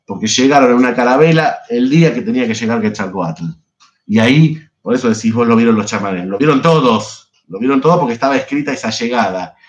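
A man's voice: medium pitch, quick pace. A man with an Argentine Spanish accent giving an online psychoanalysis lecture, discursive and constantly checking in with his listeners. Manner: discursive, peppered with checking questions. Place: home, online class.

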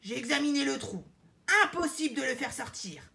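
A haughty old lion king, put on by a woman reading a storybook. He speaks in a loud, commanding way and looks down on everyone around him. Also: sits high, lively intonation, normal speed, pitched above the performer's own voice. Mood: dismissive.

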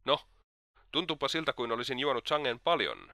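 A man's voice: medium pitch, big pitch swings, bright, forceful tone, no room sound, studio quality, voice pushed up. A man voicing Svidrigailov, a sly, mocking old libertine who is slightly drunk.

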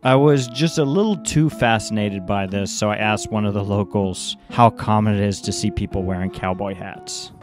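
A man's voice: lowish voice, normal speed, hardly any pauses. A young man, a stand-up comedian, narrating his travels in a dry, matter-of-fact way into a handheld mic. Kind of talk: vlog narration. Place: small club stage with poster wall. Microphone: handheld stage mic. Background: background music.

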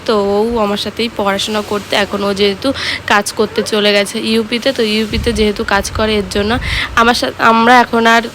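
A young woman chatting casually in a vlog, speaking softly because of a sore throat. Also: slight background noise. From West Bengal, India. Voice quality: soft, low-voiced talk because of the sore throat. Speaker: vlogger.

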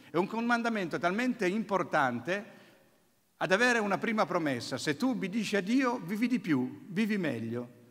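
A man's voice: a little high, a bit bright. Italian preacher telling his testimony in a church. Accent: Italian, Neapolitan region. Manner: storytelling, acting out family dialogue. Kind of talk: sermon with personal testimony. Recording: church hall reverb.

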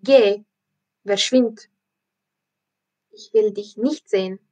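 A woman voicing a loud, pompous male circus ringmaster in an audiobook reading. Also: medium pitch, slow pace, lightly acted. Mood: snapping. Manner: loud, announcing.

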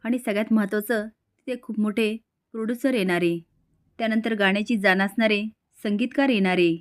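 A woman reading the lines of a smooth-talking scheming man in a serial recap. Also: medium pitch, brisk, no echo, clean studio sound, natural voice. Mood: persuasive.

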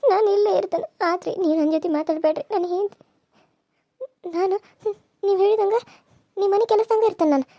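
A woman's voice: very high voice, warm tone, no room sound, clean studio sound. A woman voicing a remorseful young village wife in a cartoon serial, speaking North Karnataka Kannada and pleading through tears. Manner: tearful, pleading. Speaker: voice actor.

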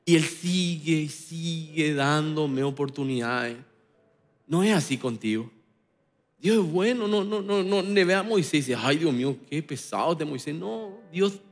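A man with a Paraguayan Spanish accent, preaching a sermon with impassioned swings between loud declarations and quiet asides. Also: on the high side, long reverb tail. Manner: impassioned preaching, rising and dropping sharply. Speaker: pastor.

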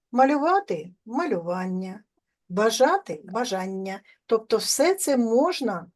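Lady teacher talking kids through a lesson, kinda high voice, real slow. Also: darkish tone. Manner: slow, patient, explaining step by step. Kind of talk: children's language lesson.

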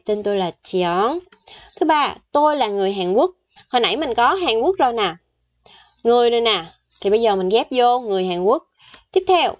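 A woman teaching a beginner Korean lesson online, saying each word several times for practice and explaining in a chatty, friendly way with soft sentence endings. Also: fairly high pitch, highs cut off.

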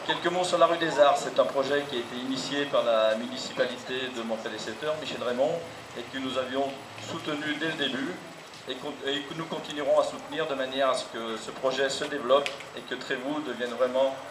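A man giving a semi-improvised public speech as a local official, with a halting, hesitant delivery. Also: medium pitch. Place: open town square outdoors. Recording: echoey, noisy outdoor recording.

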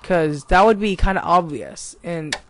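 A young gameplay commentator talks through a horror game as he plays, reading its text aloud. His voice sits high and a bit bright at a measured pace, and he's jumpy, yelping and cursing whenever something startles him.

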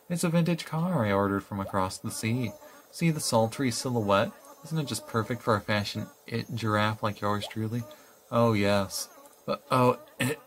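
A man's voice: on the low side, close to an everyday voice. A man voicing Gracie, a haughty female giraffe fashion designer in a video game, reading her lines in a condescending tone that keeps calling the listener darling. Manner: condescending, calls everyone darling.

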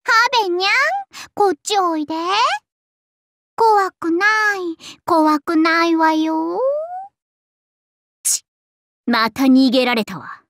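Elizabeth Bathory Cinderella, squeaky-high haughty dragon princess. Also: female voice, takes it slowly, long pauses, dry recording, heavily acted. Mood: coaxing, scheming. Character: vain, excitable dragon-girl idol playing Cinderella princess. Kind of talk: Japanese anime game character voice lines.

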